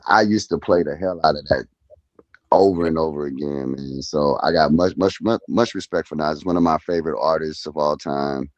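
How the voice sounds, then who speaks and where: Deep-voiced man chatting on a livestream. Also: a little fast, no room sound, dull audio. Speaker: livestream co-host. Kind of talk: casual livestream chat.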